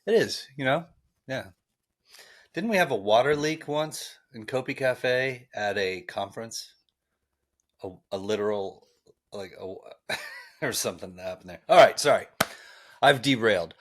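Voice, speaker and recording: A man's voice: mid-range voice, animated, a little slow, long pauses. A man hosting a casual podcast, friendly and rambling with lots of fillers. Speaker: podcast host.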